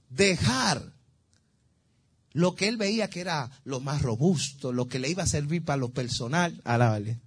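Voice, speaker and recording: High-voiced impassioned preacher man. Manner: impassioned, swings from quiet asides to shouted exhortation; calls on the congregation with repeated praise phrases. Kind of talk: sermon.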